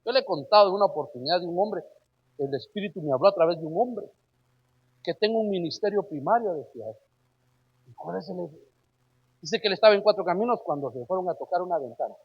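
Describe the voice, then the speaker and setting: A man's voice: high voice, expressive, quick pace, slightly rough, highs cut off. A man preaching a sermon emphatically. He keeps addressing his listeners as brother and asks them rhetorical questions.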